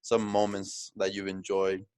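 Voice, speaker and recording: A man hosting a podcast, asking questions in a halting way with many fillers and restarts. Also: low-pitched, completely flat delivery, darkish tone, clear, resonant tone, dry recording, clean studio sound. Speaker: podcast host. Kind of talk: casual interview.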